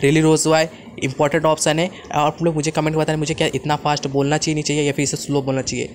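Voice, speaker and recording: Fast-talking young man with hurried delivery. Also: on the high side, flat delivery, a little hiss or hum. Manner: rapid, confident, addresses viewers as friends. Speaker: fantasy cricket prediction host. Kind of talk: fast casual commentary to viewers.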